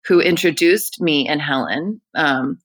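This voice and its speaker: A middle-aged woman hosting a casual interview, chatting in an animated, gushing way. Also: low voice, a little slow, no room sound. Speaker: podcast host.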